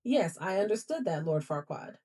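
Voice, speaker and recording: A woman's voice: mid-range voice, very animated, moderate pace, warm tone, husky. A woman's voice as a smart home assistant, answering politely and accommodatingly. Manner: polite, accommodating, formal address. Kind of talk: assistant replies.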